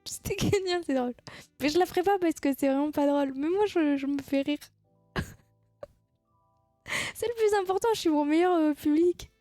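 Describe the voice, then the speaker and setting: A woman's voice: high voice, normal speed, long pauses, dark tone, no room sound, soft background music. A woman chatting casually with her viewers on a live stream, teasing them and laughing at her own jokes.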